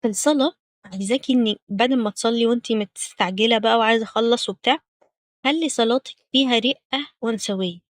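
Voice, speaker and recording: Egyptian woman talking softly to young women about faith, dry close mic. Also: a little high, quick pace, no room sound. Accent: Egyptian Arabic. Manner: gentle, direct address to young women. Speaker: religious talk host. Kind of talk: spoken religious advice series.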